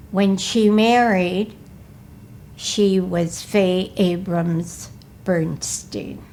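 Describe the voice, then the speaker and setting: Slow, gravelly elderly woman recalling. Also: on the low side, darkish tone, a little hiss or hum. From Milwaukee, Wisconsin. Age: 80s. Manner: slow, careful, measured recollection, often asking to repeat. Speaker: interviewee. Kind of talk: recorded life-story interview.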